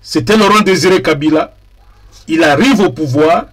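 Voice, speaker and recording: A man speaking in a deliberate, emphatic way and repeating key phrases for weight, as a TV political commentator. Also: on the high side, a bit bright. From DR Congo.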